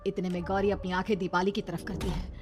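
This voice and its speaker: A woman's voice: on the low side, little pitch movement, a little fast. A woman narrating a horror cartoon story in a dramatic storytelling manner. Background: music.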